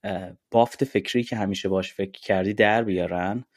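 Low-voiced man explaining eagerly. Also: fairly even intonation. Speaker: podcast guest. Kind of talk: casual podcast conversation.

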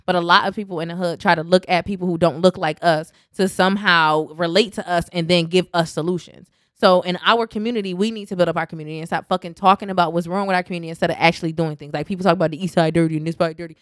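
A woman's voice: on the low side, steady tone, very fast, no room sound, studio quality. A woman co-hosting a podcast in casual chat, blunt and profane, ranting with emphasis. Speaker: podcast co-host.

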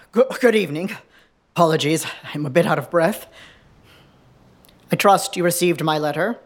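A woman's voice: on the low side, animated, lightly acted. Woman playing a diplomatic male cardinal. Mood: formal. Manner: measured and formal. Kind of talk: audio drama acting.

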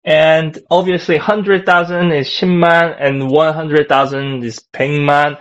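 Man teaching casually, lo-fi sound. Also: fairly high pitch. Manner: relaxed, halting, with many fillers and restarts. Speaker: Korean language teacher. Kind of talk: casual language lesson. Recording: dull lo-fi audio.

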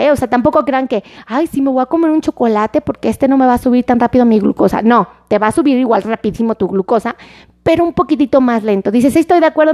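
A Mexican woman doctor talks to her livestream audience in a high, bright register. She is chatty and uses lots of diminutives. She explains things plainly and keeps asking viewers to reply. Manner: warm, chatty, fond of diminutives, asks viewers for replies. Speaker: doctor giving health advice on a livestream. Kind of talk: casual livestream talk, reading viewer comments.

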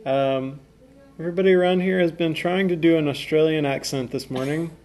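A podcast host who opens the show and leads a casual chat, easygoing and quick to laugh. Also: medium pitch, warm tone. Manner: loose, laughing banter.

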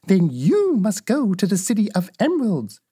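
Woman putting on a high-pitched kindly old witch, Good Witch of the North. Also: huge pitch swings, normal speed, dark tone, slightly rough. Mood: gentle, assured. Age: older.

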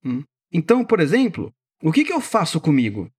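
Lively high-voiced Brazilian man musing. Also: brisk, husky. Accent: Brazilian Portuguese. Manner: conversational, keeps asking the listener rhetorical questions. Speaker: podcast host.

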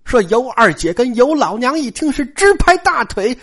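A man's voice: extremely high pitch, big pitch swings, normal speed, a bit bright. A man telling a classic tale in colloquial oral-storytelling style, with joking asides.

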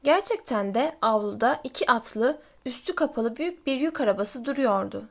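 A woman reads a story aloud in a steady, measured voice that sits somewhat high. The recording sounds dull and lo-fi. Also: creaky. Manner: steady storytelling, lifts pitch for shouted quotes. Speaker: audiobook reader. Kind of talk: scripted narration.

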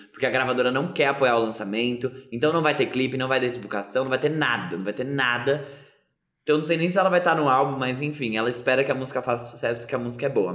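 A man hosting a casual music podcast, quick and teasing as he runs the news. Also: mid-range voice, fairly bright tone, reverberant. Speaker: podcast host.

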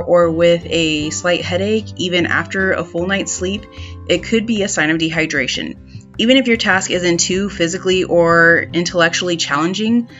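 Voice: mid-range voice, fairly bright tone. Tidy advice vlogger over plucked guitar music. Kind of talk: scripted self-help tips narration. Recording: slightly dull sound, music behind.

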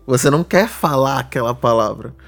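A man's voice: medium pitch, expressive, a little fast. Brazilian man explaining tech patiently. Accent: Brazilian Portuguese. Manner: patient, explains with everyday examples. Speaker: podcast co-host explaining AI. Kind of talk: casual explanatory chat.

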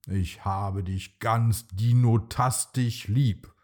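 A man brings a small, eager boy dinosaur to life for a bedtime storybook with an excited, pleading, childlike delivery. Pitched on the low side, he draws out his words, and the mood stays cheerful.

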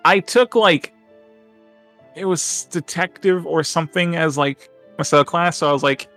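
A man's voice: fairly high pitch, unhurried, a bit bright, faint music behind. A man playing a tabletop game, chatting casually in a rambling way with many fillers and restarts. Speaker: player.

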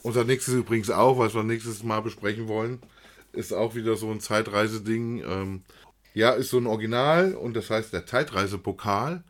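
In a lowish voice at a moderate pace, this podcast co-host chats casually about audio dramas. He wanders from point to point and addresses the audience directly.

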